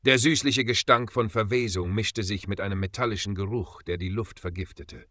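Low-voiced man narrating an audiobook gravely. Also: normal speed, sharp tone, dry recording, studio quality. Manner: grave, dramatic storytelling.

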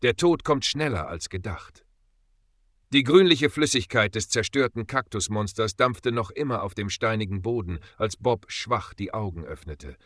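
A man narrating a dark adventure audiobook in a grave, dramatic storytelling manner. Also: mid-range voice, lively intonation, measured pace, no room sound.

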